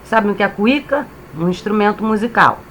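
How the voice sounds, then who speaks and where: A woman teacher with a Brazilian accent, giving a reading lesson to young children and sounding out syllables clearly. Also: medium pitch, expressive, normal speed, fairly bright tone, slight background noise. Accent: Brazilian Portuguese. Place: home, reading from a computer.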